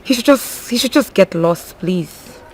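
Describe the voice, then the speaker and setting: An actress with a Nigerian accent playing a bitter, hurt wife in a film drama. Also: female voice, medium pitch, expressive, a little slow, slight background noise, natural voice, poor audio. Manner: dismissive, bitter.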